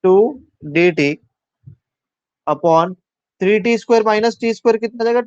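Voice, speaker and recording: Male maths tutor, slightly high voice, dull dry recording, walks students through steps and quizzes them. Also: normal speed, clear, resonant tone, no room sound. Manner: talks through steps aloud, asks students questions; mixes English maths terms into Hindi. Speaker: maths teacher. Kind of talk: live online maths class.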